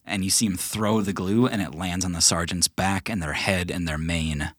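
A man narrating as game master of a tabletop game, relaxed and chatty with plenty of fillers. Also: low-pitched, normal speed, no room sound, studio quality.

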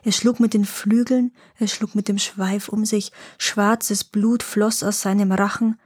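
A woman narrating a fairy-tale legend in a calm, even reading voice. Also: mid-range voice, a little slow, breathy edge, no room sound, studio quality.

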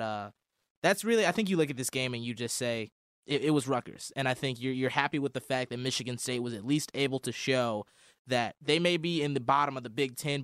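A man's voice: medium pitch, a bit bright, no echo, clean studio sound. Easygoing young American man talking sports. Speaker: sports radio co-host and analyst. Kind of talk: casual sports commentary and banter. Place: radio studio.

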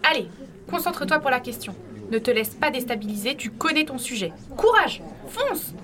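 A woman's voice: high-pitched, big pitch swings, moderate pace, a crowd in the background. A woman voicing a reassuring, coaching inner voice in a radio fiction. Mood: encouraging.

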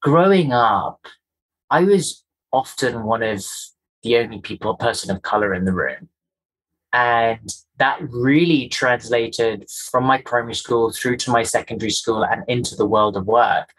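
Speaking a little slowly, this interview guest from Kenya, whose accent is faint and polished, reflects on his experience with earnest emphasis, returning to key phrases. His mid-range voice is somewhat bright with a breathy edge, and the recording is rough.

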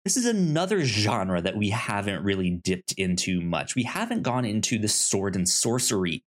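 Pitching comics and reading blurbs, a male podcast co-host talks at normal speed with a lowish, very animated voice. His casual chatter is full of stammers on word beginnings.

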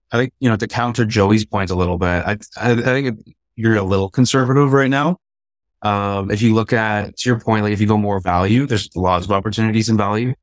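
A man's voice: fairly low pitch, no room sound. A man who once worked a trading floor, giving his take on stocks in a casual investing discussion, confident and analytical with frequent fillers.

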